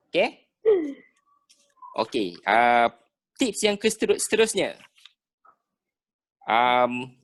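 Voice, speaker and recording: A Malaysian man with a Malay accent teaching sales skills in an online class over a video call, animated and dropping "ha" between phrases. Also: mid-range voice. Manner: animated, peppered with "ha" and rhetorical checks. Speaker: sales trainer.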